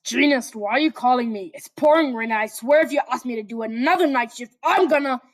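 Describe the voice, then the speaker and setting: Girl doing a grumpy hotheaded boy hero, snappy and loud, kinda high. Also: fairly quick, lightly acted. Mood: irritated. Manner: barking, snappish. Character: gruff hot-tempered young male hero.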